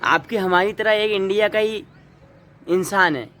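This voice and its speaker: A man's voice: high voice, measured pace, pushed and bright. A young man from Uttarakhand, India, giving earnest, indignant opinion commentary as a vlogger, asking the viewer pointed rhetorical questions.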